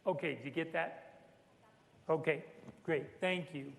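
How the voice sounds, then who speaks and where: A man chairing a public meeting, calling up speakers in a hesitant, halting way. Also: fairly high pitch, gravelly. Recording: echoey meeting hall, faint background hum.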